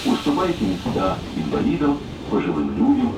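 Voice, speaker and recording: A man giving a formal, measured station announcement over a metro public-address loudspeaker, heard from a distance. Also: medium pitch, wildly swooping pitch.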